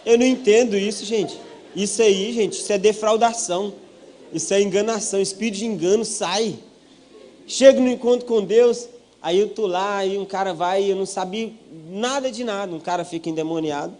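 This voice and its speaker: A man's voice: high voice, moderate pace, darkish tone. A young Brazilian man preaching as a pastor, telling his own story with jokes and acting out what people said. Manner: storytelling with jokes and acted-out quotes. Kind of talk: humorous testimony sermon.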